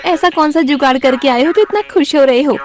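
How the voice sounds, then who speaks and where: A woman's voice: high voice, brisk, soft background music, voice pushed up, lightly acted. Woman playing a snappish, mocking cartoon wife. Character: impatient, mocking wife of a schemer.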